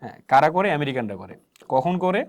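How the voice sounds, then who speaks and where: A man's voice: mid-range voice, sing-song, fast talker. A man teaching English pronunciation as a lesson, asking questions and answering them himself and repeating key words. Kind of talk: spoken classroom lesson.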